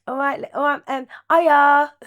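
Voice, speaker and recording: A woman's voice: fairly even intonation, takes it slowly, heavily acted. A woman voicing a chirpy female booking agent on the phone with a put-on Cockney accent. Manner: bright, bubbly sales pitch.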